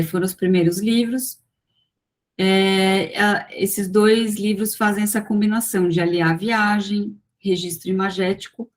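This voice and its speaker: A guest lecturer, a woman with a mid-range voice, gives an academic talk over a video call. She moves through her slides in a measured way, peppering her speech with small fillers and restarts.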